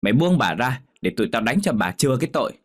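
A man reading a story, voicing a big angry woman fish seller, loud and scolding. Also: low voice, expressive, brisk. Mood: furious.

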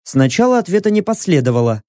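A woman reading an audiobook with expressive, scripted narration. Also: on the low side, no room sound, clean studio sound. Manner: expressive, slow. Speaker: audiobook reader.

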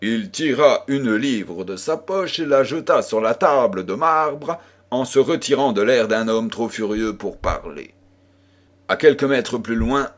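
A man reading an audiobook aloud in an unhurried, expressive way. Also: on the low side. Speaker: audiobook reader. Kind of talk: audiobook narration.

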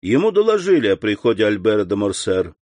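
A man narrating a classic novel as an audiobook in an even, measured reading. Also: on the low side, no echo. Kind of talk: scripted narration.

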